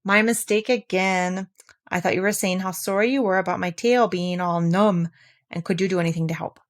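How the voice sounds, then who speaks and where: A woman voicing a gloomy, self-pitying old male donkey who grumbles slowly and mournfully. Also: fairly low pitch, fairly even intonation, close to an everyday voice.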